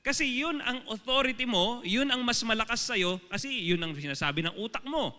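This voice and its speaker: High bright-voiced Filipino pastor preaching. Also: male voice, animated, moderate pace, long reverb tail. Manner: preaching to a congregation, mixing English and Tagalog, rhetorical questions. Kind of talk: sermon. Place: church hall.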